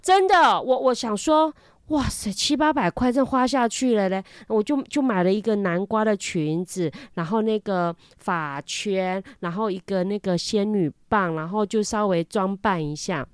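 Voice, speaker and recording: A woman in her thirties with a Taiwanese Mandarin accent, telling a story from her life as a mother in an animated way, often repeating words. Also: moderate pace, smooth, dry recording, studio quality. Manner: animated, repeats words, lively pitch jumps. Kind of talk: casual storytelling chat.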